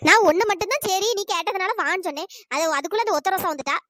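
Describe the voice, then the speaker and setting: A wailing woman, squeaky and fast. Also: slight background noise. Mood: scolding. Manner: wailing, complaining, sharp-tongued. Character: village woman who overpaid a hotel bill, lamenting and scolding. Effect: pitch-shifted voice. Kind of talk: cartoon storytelling voice acting.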